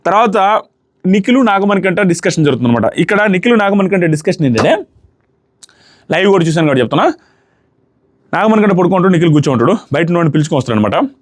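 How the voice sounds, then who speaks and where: A man giving a casual, excitable spoken review of a reality show episode, often dropping his voice to quote the people he talks about. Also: high-pitched, fast talker, pauses often, dry recording, clean studio sound.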